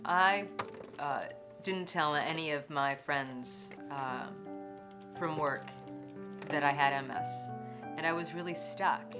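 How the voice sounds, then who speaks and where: A woman's voice: low voice, takes it slowly, over music. A woman speaking candidly and reflectively in a documentary interview. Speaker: interviewee telling her story. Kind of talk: personal documentary testimony.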